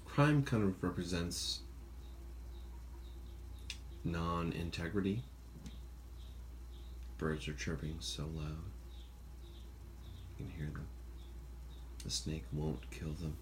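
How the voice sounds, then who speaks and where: A man's voice: low-pitched, takes it slowly, long pauses. A man hosting a podcast in casual chat, rambling and swearing freely as he acts out quoted voices. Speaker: podcast host. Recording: faint background noise, birds outside.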